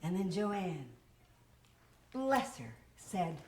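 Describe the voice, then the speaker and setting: A woman in her sixties performing a one-woman stage show, telling her story in a wry, expressive way. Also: on the low side, extremely slow. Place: theater stage. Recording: roomy theater with faint hiss.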